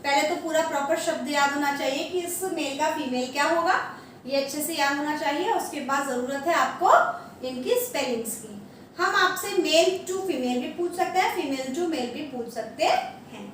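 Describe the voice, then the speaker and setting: Recorded from a distance in an echoey room, away from the microphone, with a faint hum behind her, a woman speaks in a high-pitched, fairly bright voice at a moderate pace. She is a teacher with an Indian English accent giving an online grammar lesson to young children. She addresses them as "beta" and spells each word letter by letter.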